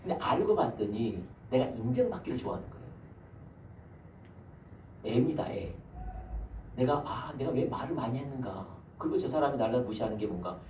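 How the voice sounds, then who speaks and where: A medium-pitched, slightly mellow, very animated male voice carries a senior pastor's Sunday sermon at a brisk pace with long pauses. He puts rhetorical questions to his congregation, captured by a distant mic in an echoey sanctuary over slight background noise.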